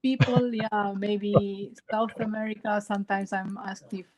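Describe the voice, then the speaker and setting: A woman's voice: medium pitch, fairly even intonation, a little slow, darkish tone, poor audio. A Romanian woman in her forties, a guest artist, chatting hesitantly on a video call from her phone, searching for English words. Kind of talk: casual video-call chat.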